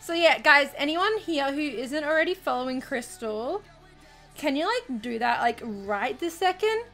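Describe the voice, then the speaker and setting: A woman's voice: high-pitched, animated, unhurried, bright, forceful tone, soft background music. A woman chatting casually to her livestream viewers, effusive and giggly, swearing freely, hiccupping and short of breath as she talks. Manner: hiccupping while talking.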